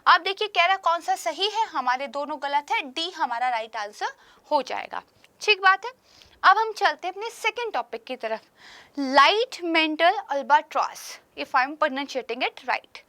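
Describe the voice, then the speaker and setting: A young woman with a very high, bright voice, teaching exam preparation in a tight, dry-sounding space. She works through practice questions step by step and keeps checking that her students follow along. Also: expressive, moderate pace, dry recording. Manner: explanatory, checks in with "right?" and "okay". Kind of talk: explaining current affairs with practice questions.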